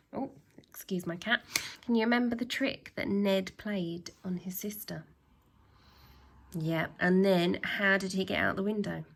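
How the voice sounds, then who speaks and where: Reading a children's tale aloud teacher-style, a woman with a fairly low pitch lingers expressively on words and acts out the sounds.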